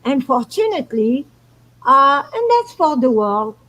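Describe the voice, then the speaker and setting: Woman from Morocco, higher voice, slow earnest astrology host. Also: sing-song, fairly bright tone, low-quality recording. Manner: earnest, unhurried spiritual explaining. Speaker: show host. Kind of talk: casual astrology talk.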